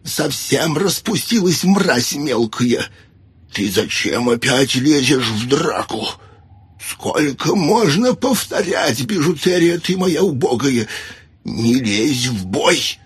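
A man voicing a cruel old necromancer archmage who grumbles and mocks, in a raspy, gravelly voice. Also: mid-range voice, very animated, takes it slowly, pitched above the performer's own voice, heavily acted. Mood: scolding. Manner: grumbling, mocking, gloating. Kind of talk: audiobook character voice.

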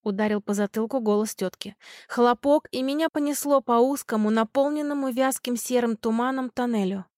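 A woman narrating an audiobook in an expressive first-person storytelling manner. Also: a little high, fairly quick, hardly any pauses, no echo, clean studio sound. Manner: lively first-person storytelling, voicing characters' shouts.

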